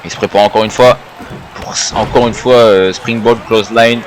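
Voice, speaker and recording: Casting: male second commentator for wrestling, fairly low voice, short move calls, faint noise in the background. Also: fairly even intonation, normal speed. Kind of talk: wrestling commentary of a video game match.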